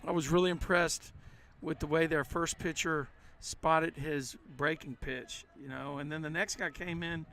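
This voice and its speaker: A man commentating on a high school baseball game in a folksy, chatty way, retelling last night's game with lots of restarts, recorded outdoors with faint street noise behind him. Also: unhurried. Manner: folksy, animated storytelling with many restarts. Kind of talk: casual game-day commentary.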